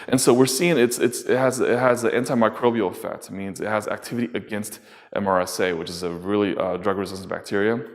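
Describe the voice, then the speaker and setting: A low-voiced man explains a scientific topic as a medical advisor, halting often with fillers and restarts. His voice trails into a long reverb. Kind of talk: explanatory talk.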